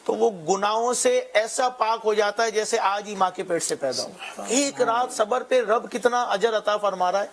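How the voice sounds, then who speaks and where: Guy w a pretty high voice talking on a religious tv panel, measured. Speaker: panelist on religious talk show. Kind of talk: religious talk show discussion.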